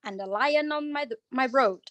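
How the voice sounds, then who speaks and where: A woman voicing a cruel, gloating wicked witch in a storybook reading, with slow, cackling delivery. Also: sits high, fairly bright tone, no room sound. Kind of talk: storybook read-aloud for English learners.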